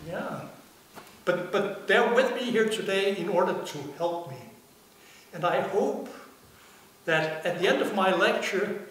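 A man's voice: high-pitched, a bit bright, a little hiss or hum. A middle-aged man lecturing live in a rambling professorial way, with hesitations and asides. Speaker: university lecturer. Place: large lecture theatre. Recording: very echoey lecture hall, distant.

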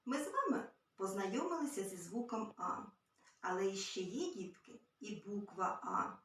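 Woman teacher talking to little kids, gentle, voice bounces around a lot, big echo. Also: mid-range voice, lively intonation, normal speed. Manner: gentle, speaks to small children. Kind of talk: early-years literacy lesson. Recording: very echoey room, far from mic.

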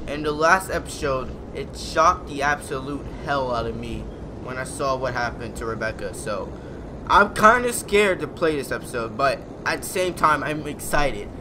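A man in his twenties playing a story game, reacting in a jumpy, excitable way and shouting at the screen. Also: medium pitch, moderate pace, background noise. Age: 20s. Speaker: let's play gamer. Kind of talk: reacting to gameplay.

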